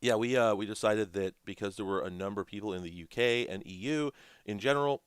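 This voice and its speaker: A man in his thirties with a deep, smooth voice, chatting loosely on a livestream. He rambles, jokes and laughs easily. The sound is close and dry, with no room around it. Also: quick pace, dry recording. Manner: joking, rambling, laughs often. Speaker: livestream co-host. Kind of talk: casual livestream chat.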